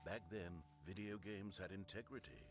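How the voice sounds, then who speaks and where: A man's voice: low-pitched, moderate pace, over music. A man playing a wry, needy game narrator, pompous and melodramatic as he addresses the player directly. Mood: nostalgic.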